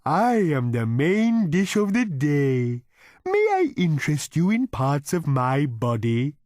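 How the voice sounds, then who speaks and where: A man voicing a large, contented talking cow in a storybook reading, slow, drawn-out and ingratiatingly polite like a waiter. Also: huge pitch swings, darkish tone, no room sound, studio quality, heavily acted. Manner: slow, drawn-out, obsequious lowing.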